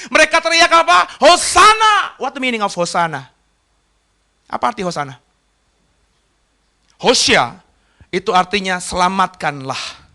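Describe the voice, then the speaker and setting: A man preaching a sermon as pastor, emphatic, dropping to quiet asides and rising to loud acted crowd cries. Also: high-pitched.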